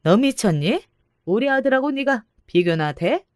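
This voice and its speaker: A woman's voice: medium pitch, steady tone, normal speed, clear, resonant tone, no echo, clean studio sound, natural voice. A woman voicing a haughty, condescending middle-aged mother-in-law who lectures in a scornful tone.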